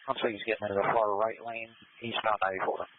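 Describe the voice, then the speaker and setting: A man's voice: lowish voice, little pitch movement, fast. A man, a police officer, speaking in terse, matter-of-fact radio traffic full of codes, heard over a police radio. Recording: tinny scanner radio with faint static.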